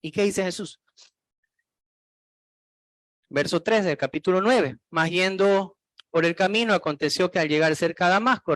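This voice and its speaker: A man's voice: fairly high pitch, dry recording. A man preaching a sermon as pastor, reading Bible verses aloud and putting many questions to the congregation.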